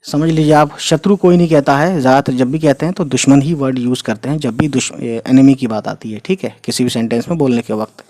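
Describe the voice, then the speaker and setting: A man teaching Urdu words, explaining their meanings and spelling the letters out slowly as he writes, often adding "ठीक है" and "you know". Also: mid-range voice, a little mellow, no echo. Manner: spells letters out slowly, often adds 'ठीक है' and 'you know'. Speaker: language teacher. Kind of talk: explaining Urdu words while writing them.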